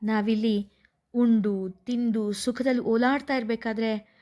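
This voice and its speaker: A woman voicing a tender elderly grandmother who speaks slowly and gently. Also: a little high, fairly even intonation, close to an everyday voice.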